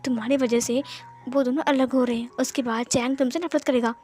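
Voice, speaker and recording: A woman's voice: high-pitched, a little fast, soft background music, natural voice. A woman reading a possessive teasing young man. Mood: threatening. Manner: calm, teasing, commanding.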